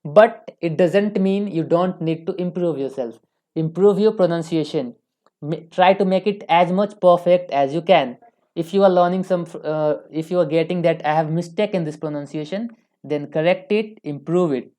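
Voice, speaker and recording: Tutor type: low-voiced woman with an Indian accent, earnest and advising, restarts a lot. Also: normal speed, mellow. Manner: earnest, advising, frequent self-corrections. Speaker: English tutor. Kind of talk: instructional talk to camera.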